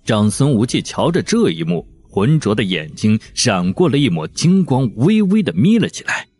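A man narrating a novel as an audiobook with expressive storytelling. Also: mid-range voice, normal speed, breathy edge.

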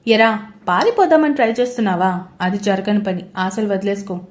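A woman's voice: mid-range voice, lively intonation, brisk, close to an everyday voice. A woman voicing an arrogant, domineering young husband who speaks in curt commands. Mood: angry.

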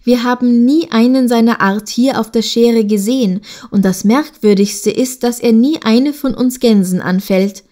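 A woman's voice: fairly high pitch, unhurried, hardly any pauses, mellow, natural voice. Woman doing a spiteful boastful goose sister. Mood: scheming.

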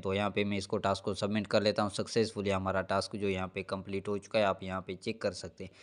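A man, hosting a channel and talking through an app step by step in a steady, instructional voice-over, leaning on repeated filler phrases. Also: fairly low pitch, clear, resonant tone. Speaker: channel host. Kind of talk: screen-recorded app walkthrough.

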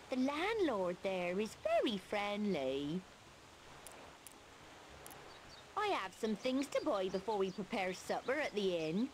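A woman's voice: medium pitch, slight background noise. A woman voicing a friendly, gossipy village woman in a video game, talking politely.

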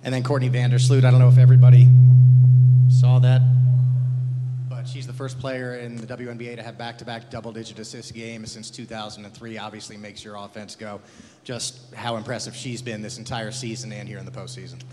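A man's voice: mid-range voice, flat delivery, brisk, long reverb tail, background noise. A man moderating a press conference, asking the coach questions in a businesslike way.

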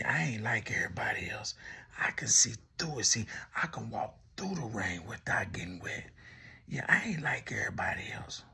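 A man delivers teasing commentary straight to the camera, needling his target and breaking into laughter often. His voice is rough and gravelly with a bright, sharp edge. His pitch swings widely as he talks. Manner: teasing, laughs often, addresses the subject directly. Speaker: commentary host. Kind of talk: mocking commentary speaking to the camera.

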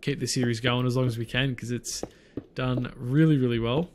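A man's voice: medium pitch, steady tone, normal speed, background noise. A man giving casual, rambling commentary on his own gameplay, thinking aloud and restarting his sentences often. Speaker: gaming channel host. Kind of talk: casual let's-play commentary.

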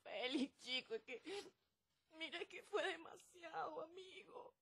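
Crying woman, high voice, vehement, telenovela. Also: lively intonation, unhurried. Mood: tearful. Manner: distressed, vehement. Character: hurt woman vowing to change her life. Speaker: soap opera character. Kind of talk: telenovela acting.

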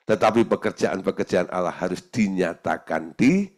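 Seorang pendeta pria berkhotbah dengan semangat, bergantian antara seruan keras yang tegas dan ucapan pelan. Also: male voice, low voice, normal speed. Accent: Indonesian. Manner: lively preaching, swings from loud emphatic peaks to soft asides. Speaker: pastor. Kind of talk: sermon.

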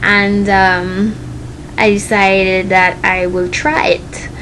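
A woman's voice: mid-range voice, flat delivery, extremely slow, fairly bright tone, rough recording. A young woman from Trinidad with a Trinidadian Caribbean accent, talking casually to her webcam in a bedroom. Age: young adult. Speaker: video blogger. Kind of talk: casual chat to camera, reading a word list. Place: small bedroom indoors. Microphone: webcam or laptop mic at close range. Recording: noticeable room noise, webcam sound.

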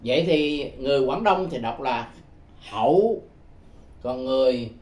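A man teaching a lesson in a deliberate, explanatory way, repeating key words and pausing on hesitant fillers. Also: medium pitch, a little mellow, reverberant.

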